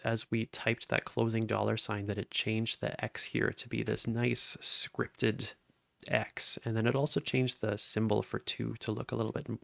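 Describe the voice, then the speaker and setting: Male instructor, low voice with some fry, plain step-by-step explaining. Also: a bit bright, dry recording. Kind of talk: screen-recorded coding tutorial.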